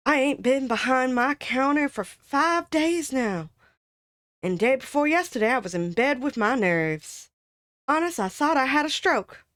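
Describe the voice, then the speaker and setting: A woman's voice: high voice, expressive, a little slow, fairly bright tone, no room sound, clean studio sound. A woman doing a gabby old-timey shopgirl. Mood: gossipy. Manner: gabby, colloquial, exaggerated storytelling. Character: chatty working-class young woman, comic, dramatic. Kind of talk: old-timey comic monologue reading.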